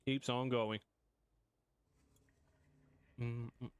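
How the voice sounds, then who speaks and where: A man's voice: mid-range voice, level tone, very slow, clear, resonant tone, dry recording. A man chatting casually to himself as he plays a video game on stream, with mumbled asides. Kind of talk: casual gameplay commentary.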